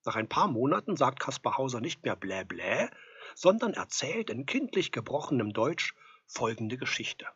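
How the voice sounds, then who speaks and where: A man narrates a historical tale with dry, knowing irony, his voice deeply husky and rough. His pitch rises and falls in a lively, expressive way. The recording is dull and lo-fi. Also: dry recording. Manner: wry, ironic storytelling. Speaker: storyteller. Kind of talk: scripted narration.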